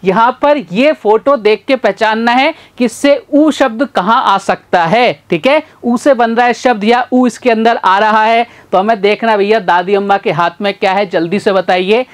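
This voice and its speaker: A man's voice: sits high, normal speed, hardly any pauses. Folksy male teacher sounding out syllables. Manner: folksy, repetitive call-and-response questioning; addresses learners as brother and sir. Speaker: adult literacy teacher. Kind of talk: video literacy lesson.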